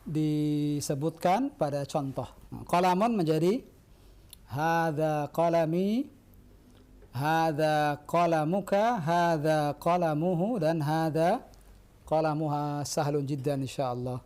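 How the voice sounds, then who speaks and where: Man, Arabic teacher, patient corrections, somewhat high voice. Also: takes it slowly, darkish tone. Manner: patient, corrects students with short affirmations. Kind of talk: radio Arabic lesson.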